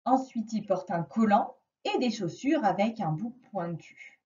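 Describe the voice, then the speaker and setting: A woman teaching a reading lesson to a young child, slowly and patiently stressing each sound. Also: medium pitch, expressive, mellow, far from the mic, lo-fi sound. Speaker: primary school teacher.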